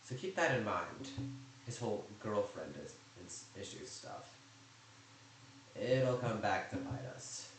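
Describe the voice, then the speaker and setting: A man's voice: lowish voice, animated, slow pace. A man casually telling a rambling story about his game server, chatty and full of sarcastic asides. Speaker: YouTuber recounting server drama. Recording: very echoey room, faint noise.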